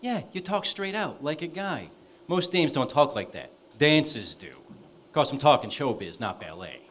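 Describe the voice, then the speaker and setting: A man's voice: fairly high pitch, animated, normal speed, slight background noise, lightly acted. A man playing an eager, wisecracking comic. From New York. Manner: brash, wisecracking showbiz patter. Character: eager small-time male comic, hopeful and chatty. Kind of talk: stage play acting.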